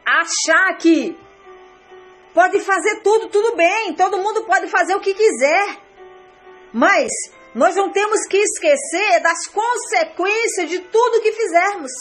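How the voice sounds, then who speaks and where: Slow-preaching Brazilian woman pastor. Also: extremely high pitch, fairly bright tone, soft background music. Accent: Brazilian Portuguese. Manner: earnest preaching, repeating phrases and addressing listeners as beloved. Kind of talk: sermon.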